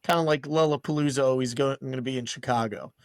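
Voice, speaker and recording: Emphatic opinionated male co-host, mid-pitched, dry close sound. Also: fast, no echo. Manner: opinionated, emphatic hot takes. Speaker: podcast co-host. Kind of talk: casual chat.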